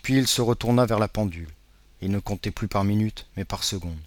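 A man narrating a classic novel as an audiobook, in a measured, dramatic reading. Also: lowish voice, no room sound.

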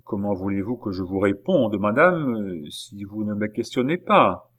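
Man reading as a grim cold prophet. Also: lowish voice. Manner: flat, cold, measured. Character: grim male fortune-teller, calm and ominous. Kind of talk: audiobook character voice.

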